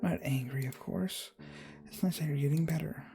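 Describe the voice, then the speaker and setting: A man voicing an obsessive young woman nurse in a soft, cooing whispered role-play. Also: fairly high pitch, brisk, vocal fry, music in the background. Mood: possessive. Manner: cooing, possessive.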